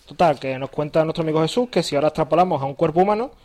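A man's voice: a little high, rapid-fire, darkish tone. A man co-hosting a casual podcast, reading listener emails aloud in a chatty way. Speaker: podcast co-host.

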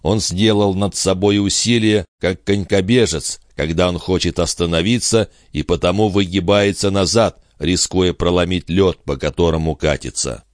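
A man narrates a classic novel in a very low, calm voice. His storytelling is even and steady, recorded close and dry with no room echo. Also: moderate pace, hardly any pauses. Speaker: audiobook narrator. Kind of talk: audiobook narration.

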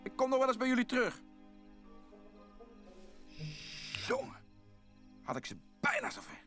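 A fast-talking scheming raccoon. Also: male voice, very high voice, gravelly, faint music behind, full character voice. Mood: coaxing. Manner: salesman-like, excitable, persuasive. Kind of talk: Dutch cartoon dub.

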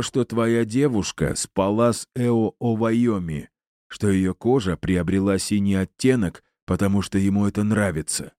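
A man's voice: lowish voice, no echo, clean studio sound, voice pushed up, natural voice. A man voicing a gleeful, cruel male villain who taunts his captive in a theatrical, mocking way. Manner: mocking, theatrical, rising to shouts.

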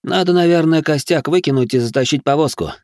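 A man's voice: a little high, fairly quick, a little mellow, dry recording, studio quality, pitched above the performer's own voice, lightly acted. A man voicing a stubborn young aristocratic ex-soldier who argues in a raised, indignant tone. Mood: argumentative.

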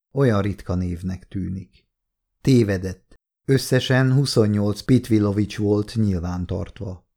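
A man reading an audiobook in measured, even storytelling narration. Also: fairly low pitch.

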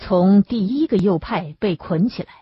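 A woman narrating an audiobook in an expressive storytelling manner, on a dull, lo-fi recording. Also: mid-range voice, normal speed, breathy edge, no echo.

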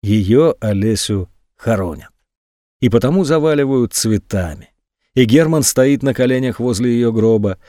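Just a guy reading an audiobook, calm and steady, dry no-room sound. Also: mid-range voice, normal speed, dry recording. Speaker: narrator.

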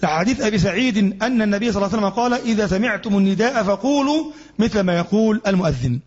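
A quick-talking Egyptian man teaches a religious lesson in a fairly high, husky voice. He explains each point and keeps putting questions to his class. The recording is dull and lo-fi. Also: lively intonation. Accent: Egyptian Arabic. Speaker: sheikh teaching Islamic jurisprudence.

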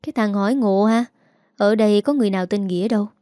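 A woman with a Southern Vietnamese accent voicing a gentle middle-aged aunt who falters and stammers when pressed. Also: mid-range voice, fast talker, dry recording, clean studio sound, lightly acted. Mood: flustered.

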